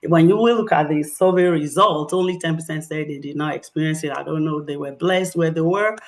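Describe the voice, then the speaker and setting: A middle-aged woman with a Nigerian accent, a professor, presents her research at a community meeting through animated storytelling with frequent fillers. She speaks briskly in a low-pitched voice.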